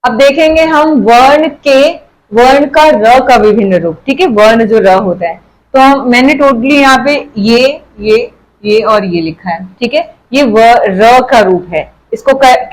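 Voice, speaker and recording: A young woman teaching a grammar lesson to schoolchildren, patiently explaining step by step and repeating words slowly. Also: a little high, lively intonation, low-quality recording. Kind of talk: Hindi grammar lesson for children.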